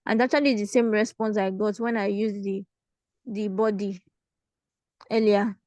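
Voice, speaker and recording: A woman's voice: medium pitch, fairly even intonation, measured pace, a little mellow, no room sound. A woman student speaking over a video call, politely explaining her steps. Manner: polite, deferential, explains step by step. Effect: heard over a video call.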